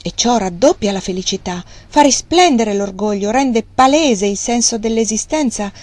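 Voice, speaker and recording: A woman reading aloud, voicing a proud male mill owner who speaks with low, earnest intensity. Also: expressive, normal speed, darkish tone, no echo. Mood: passionate.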